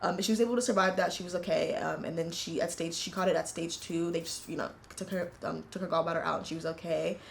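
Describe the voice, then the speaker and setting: In a casual interview, an American university student in her twenties recounts her family story, earnest and reflective, pausing often and halting with frequent fillers. Her pitch is fairly low and her tone steady, with vocal fry and slight background noise.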